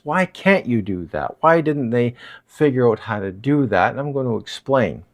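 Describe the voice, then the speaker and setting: A man giving a casual, chatty gear review in his apartment, recorded on a wireless lavalier mic. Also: mid-range voice. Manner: chatty, explanatory, lively delivery. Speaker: product reviewer. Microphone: wireless lav mic.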